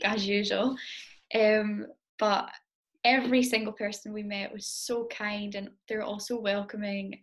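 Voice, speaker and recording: A woman's voice: medium pitch, a bit bright. A young woman answering interview questions about her dancing in a chatty, self-deprecating way, with plenty of ums. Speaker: interview guest, competitive Highland dancer.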